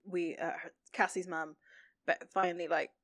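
Casting note: chatty woman podcast co-host, casual recap, lowish voice, dry close sound. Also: level tone, moderate pace, no echo. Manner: chatty, laughs often, many fillers. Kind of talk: casual chat recapping a TV episode.

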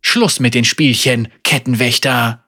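A man's voice: medium pitch, fairly even intonation, a little slow, slightly rough. A man voicing a young woman worn down by torment, crying out in despair and then snapping back in defiance through clenched teeth. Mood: defiant. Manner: shouting in anger, teeth clenched.

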